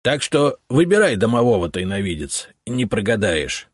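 A self-important male house spirit from an audiobook, as a male narrator puts him on, lifting his husky voice up high with lots of swing. He lectures bossily and grumbles with little "eh" fillers. The sound is dry and close. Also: big pitch swings, moderate pace, dry recording. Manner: bossy, know-it-all, grumbling with 'eh' fillers. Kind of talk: audiobook character voice.

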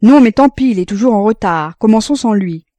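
A woman reading an audiobook voices a blustering old father who bellows with gruff impatience. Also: medium pitch, lively intonation, fairly quick, mellow, no echo, close to an everyday voice. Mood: grumbling.

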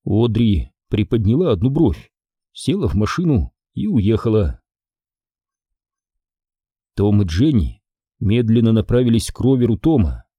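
A man narrating an audiobook in a steady, measured storytelling manner. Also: fairly low pitch, husky, dry recording. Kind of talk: scripted narration.

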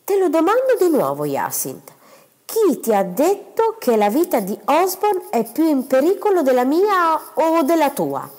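A woman's voice: mid-range voice, sing-song, normal speed, a little mellow, breathy edge. Grave country doctor, abrupt and probing; a woman reader plays him, reverberant hall. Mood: stern. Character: stern middle-aged male country doctor.

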